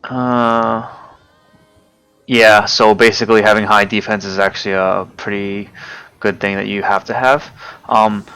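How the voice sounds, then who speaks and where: Gravelly, low-voiced man, hesitant gameplay commentary. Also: flat delivery, a little slow, fairly bright tone. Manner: hesitant, many fillers, loses track of names. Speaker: gaming video creator.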